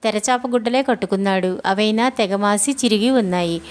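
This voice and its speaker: A woman's voice: mid-range voice, brisk. Woman narrating a storybook. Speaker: audiobook narrator.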